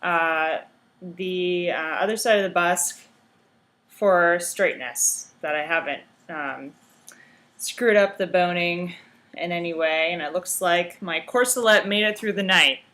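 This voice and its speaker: A woman giving a casual how-to vlog in a hungover, sluggish, halting way, with dry tongue-in-cheek delivery. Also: fairly low pitch, sharp tone. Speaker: vlogger giving garment care tips. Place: indoors.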